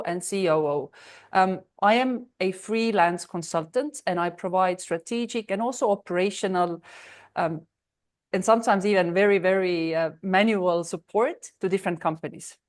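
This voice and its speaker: A woman in her thirties from Estonia, talking as a guest on an interview podcast. Her voice sits at a middling pitch, and she answers in a measured way, often pausing on um and uh between thoughts. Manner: measured, with frequent ums and uhs. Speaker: podcast guest, freelance consultant. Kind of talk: conversational interview.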